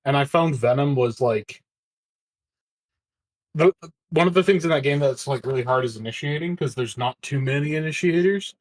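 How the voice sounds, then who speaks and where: A man at a middle pitch talks loosely with his co-hosts, rambling through his thoughts and laughing easily. He swears casually and often trails off mid-sentence. It is relaxed podcast banter. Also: normal speed, pauses often. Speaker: podcast co-host. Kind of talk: casual chat.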